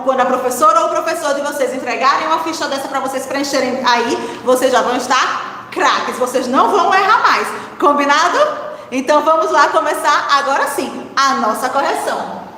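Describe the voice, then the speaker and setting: A woman's voice: high-pitched, bright, forceful tone, a little hiss or hum. A woman teacher giving a recorded lesson to young children, spelling out words syllable by syllable and asking them encouraging questions. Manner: encouraging, asks the class questions. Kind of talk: primary-school literacy lesson. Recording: echoey room with long reverb.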